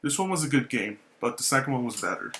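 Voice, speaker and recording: Young male vlogger, laid-back and rambling, average pitch, casual swearing. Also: fast talker, a little hiss or hum. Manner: relaxed, rambling, repeats himself, swears casually. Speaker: YouTuber showing his game collection. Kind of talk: casual vlog talk.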